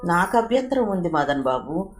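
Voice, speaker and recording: A woman's voice: lowish voice, big pitch swings, moderate pace, faint music behind. A woman voicing a proud, resolute young mother who speaks firmly and with composure in a storybook reading. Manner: firm, composed. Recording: roomy echo, faint hiss.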